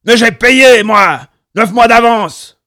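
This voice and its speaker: A man voicing a huge, unhinged bearded man who screams with a voice that cracks high. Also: slow pace, sharp tone, full character voice. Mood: raging.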